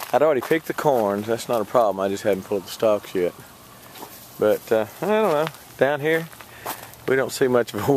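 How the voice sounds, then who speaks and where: A man's voice: on the low side, a little mellow, slight background noise. A man from Texas giving a casual, rambling walkthrough of his garden outdoors, with lots of fillers and little chuckles. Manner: rambling, hesitant, many fillers, chuckles often. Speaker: vlogger. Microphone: handheld camera.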